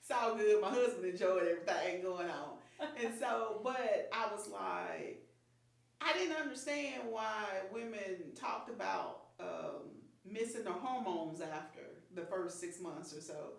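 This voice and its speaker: A woman's voice: mid-range voice, expressive, measured pace, gravelly. A woman in her fifties speaking frankly and openly as a guest in a casual chat. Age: 50s. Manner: frank, open, laughs easily. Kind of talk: candid personal chat. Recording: echoey room, voice from far off.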